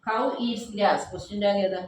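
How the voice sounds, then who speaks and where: A woman's voice: mid-range voice, fairly even intonation, unhurried, a little mellow. A woman teaching grammar to a class, firmly quizzing students and repeating their answers back to them. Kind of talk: classroom drilling with questions. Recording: very echoey room, faint background noise.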